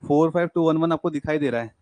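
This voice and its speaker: A young male teacher runs a live coaching class, counting through numbers aloud in a brisk, encouraging way. His voice sits a little high for a man, and the sound is close and dry. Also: a little mellow, no room sound.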